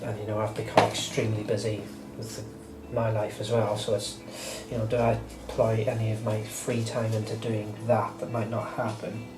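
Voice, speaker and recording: A guitar channel host in his late thirties rambles casually and reflectively while he works, filling his talk with fillers. His low voice stays monotone at a moderate pace with hardly any pauses, and he sounds slightly stuffy from a cold. The room is echoey, with loud music playing behind him.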